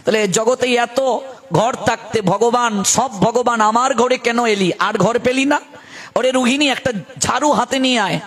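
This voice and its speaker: A man voicing a stern middle-aged mother who shouts and scolds her boys in quick, rapid bursts. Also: very high-pitched. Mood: exasperated.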